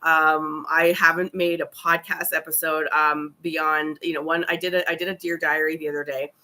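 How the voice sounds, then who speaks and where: A woman with a raspy, hoarse voice from a cold, chatting casually and swearing on a live stream. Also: deep voice, flat delivery, moderate pace, pushed and bright. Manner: chatty and profane, many fillers.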